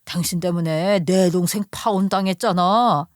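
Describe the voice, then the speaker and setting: A woman voicing an angry husband who yells and accuses in a shameless way. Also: on the low side, fairly even intonation, moderate pace, no room sound, studio quality, natural voice. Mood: furious. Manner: yelling, accusing.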